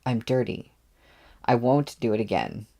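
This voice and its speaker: A man's voice: mid-range voice, big pitch swings, a little slow, creaky, warm tone, full character voice. A man reading aloud, voicing a remorseful young man who speaks in short, faltering sentences. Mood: tearful, halting. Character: broken, remorseful young man, halting and tearful. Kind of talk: audiobook readalong.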